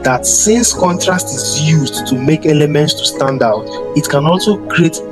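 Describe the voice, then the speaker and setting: Male instructor, slightly high voice, halting lecture, music bed loud under him. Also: low-quality recording. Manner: repeats words and restarts, addresses students directly. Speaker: design instructor. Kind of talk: classroom lecture on slides. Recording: voice over strong background music.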